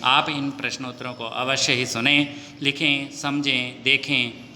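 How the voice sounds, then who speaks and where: A man teaching a Sanskrit lesson, reading questions and answers aloud in a methodical, drawn-out recitation. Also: medium pitch, pushed and bright. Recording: long reverb, faint noise.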